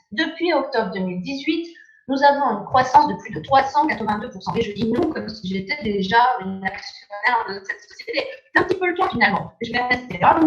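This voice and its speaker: Woman, higher voice, persuasive sales presenter, roomy sound, muffled video call audio. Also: a bit bright. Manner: persuasive, emphatic pitch.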